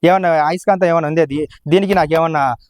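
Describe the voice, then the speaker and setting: A man's voice: on the high side, fairly even intonation, fast talker. A man bantering with his wife in a comic village skit, rambling and teasing with mock-dramatic flair, outdoors. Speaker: husband in a village comedy skit. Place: outdoors, sitting on a rock.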